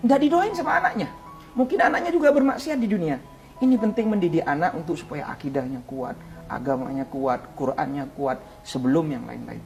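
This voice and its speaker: A man, a religious teacher, recounting a near-death experience in an interview, his voice swinging between hushed and loud, pleading tones. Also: on the high side, animated, a little fast, faint music behind. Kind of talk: emotional personal storytelling in an interview.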